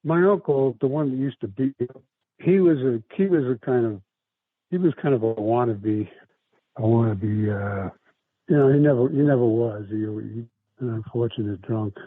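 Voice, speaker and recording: With lots of fillers and restarts, a South Brooklyn, New York man halts and rambles through his life story as a guest in a casual interview. He speaks at a medium pitch over a tinny, dry, phone-like recording with no echo.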